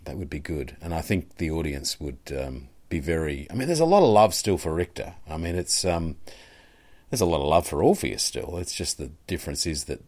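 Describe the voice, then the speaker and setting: A man with an extremely low, deep voice, co-hosting a podcast. He chats casually and rambles, looping back through restarts as he talks. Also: big pitch swings, brisk, a little mellow. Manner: rambling, full of restarts and fillers. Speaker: podcast co-host. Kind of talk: casual chat.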